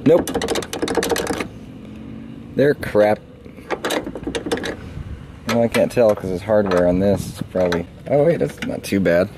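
Slow and full of pauses, yet lively in intonation, this man's lowish voice comes from a southern US car vlogger chatting casually while he works on his car, offhand with some profanity. He's outside at the open trunk. The handheld phone or camera mic yields a noisy track with clicks and clunks.

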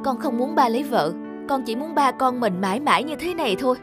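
A woman's voice: sits high, lively intonation, brisk, voice pushed up. A woman voicing a stubborn, jealous young daughter who pleads with her father and snaps at the woman he might marry, with music behind. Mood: pleading. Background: background music.

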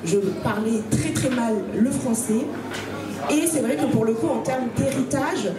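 A woman from Congo in her thirties speaks on a panel at a live event about her book, earnestly and steadily, often pausing with hesitations, into a handheld mic. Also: fairly high pitch, music in the background. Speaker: author on a panel. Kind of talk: panel talk. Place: small room at a live event. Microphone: handheld microphone. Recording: roomy, from far off.

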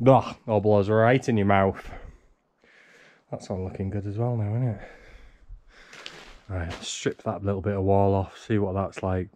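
Stripping out a half-demolished wooden barn, a homesteader in his thirties films casual commentary on a handheld action camera, chatting to himself with wry humor. His fairly low, dark voice comes with a little hiss or hum.

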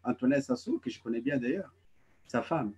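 A man's voice: medium pitch, expressive, a little mellow, breathy edge. A middle-aged man from Congo, a guest on a video call at home, giving emphatic political commentary and often restarting his sentences. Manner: emphatic, halting with many restarts. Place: home living room. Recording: dull lo-fi video call audio.

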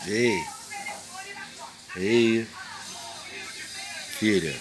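Um homem com sotaque brasileiro, filmando o bebê com o celular num quarto pequeno e falando com ele em tom carinhoso e arrastado. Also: male voice, lowish voice. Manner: doting baby talk, drawn-out words, playful questions. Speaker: parent filming his baby. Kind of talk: casual home video. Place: small bedroom indoors. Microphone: handheld phone camera, speaker behind it.

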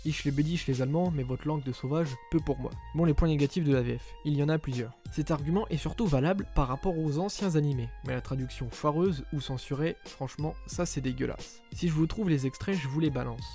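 Young man, slangy chat vlog, slightly high voice, faint music behind. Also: a little fast, hardly any pauses, dark tone. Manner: slangy, conversational, addresses viewers directly. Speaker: anime YouTuber. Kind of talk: casual opinion vlog.

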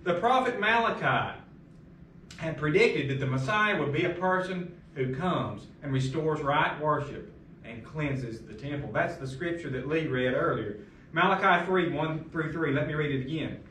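A man's voice: a little high, expressive, moderate pace, a bit bright, reverberant, slight background noise. A middle-aged man pastor preaching a sermon at a lectern, asking emphatic rhetorical questions, recorded by a far camera in a large carpeted church room.

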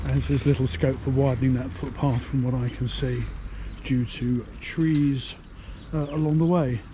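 A man's voice: medium pitch, steady tone, unhurried. A man narrating a cycle route assessment in a casual, matter-of-fact way, with hesitant fillers, recorded outdoors on an action camera. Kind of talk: casual narration while cycling. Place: outdoors on roads and paths. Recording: outdoor noise behind voice.

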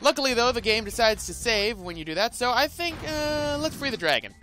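A man's voice: extremely high pitch, animated, fairly quick, pushed and bright. A man hosting a let's play, giving rambling, sarcastic gameplay commentary. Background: faint game music.

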